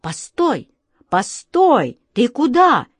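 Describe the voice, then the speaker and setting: A woman voicing an excitable male tomcat wizard who talks in a fussy, pleading, and then threatening way, reading slowly in a dry recording. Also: medium pitch, no echo, exaggerated voice. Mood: frantic.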